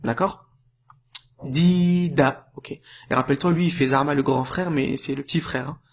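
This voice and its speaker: A man giving an informal lesson, patiently explaining, checking in often and drawing out syllables slowly when modelling sounds. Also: mid-range voice. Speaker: Arabic reading teacher. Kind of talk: casual tutorial addressed to the viewer.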